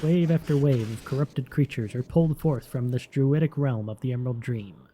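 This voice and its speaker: A man with a mellow, dark tone narrates scripted fantasy game lore at a middle pitch. Ambient noise sits behind his voice. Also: normal speed.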